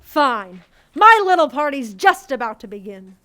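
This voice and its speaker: A woman's voice: sits high, sing-song, unhurried, bright, forceful tone, no echo, full character voice. A teenage girl playing a tyrannical, gloating wicked witch in a stage play, imperious and taunting. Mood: gloating, commanding. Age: teens. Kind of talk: high school stage play acting. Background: music.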